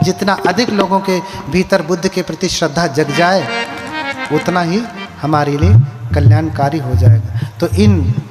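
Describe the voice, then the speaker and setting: Echoing monk preaching in a hall. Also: male voice, high-pitched. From India. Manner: preacherly, asks the crowd questions, chants verses. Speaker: Buddhist monk giving a katha. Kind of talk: live sermon to a crowd. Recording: live hall with long echo and music.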